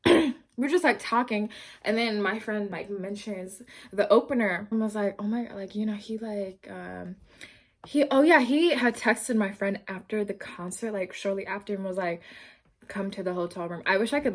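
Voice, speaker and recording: A young woman vlogger telling a casual storytime, animated and rambling, with lots of slang and swearing. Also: medium pitch. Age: young adult.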